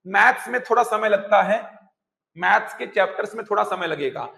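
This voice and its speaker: Male coaching teacher, bright edge, high voice, teaching in an echoey classroom. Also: animated, moderate pace, gravelly. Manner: explains by repeating terms in Hindi and English. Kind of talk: classroom lecture.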